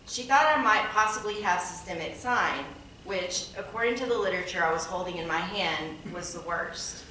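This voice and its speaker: A woman's voice: on the low side, sharp tone, slight background noise. A woman speaker at a patient support event, reading her prepared personal story in an earnest, candid way with wry asides. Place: event hall. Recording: very echoey hall, mic far off.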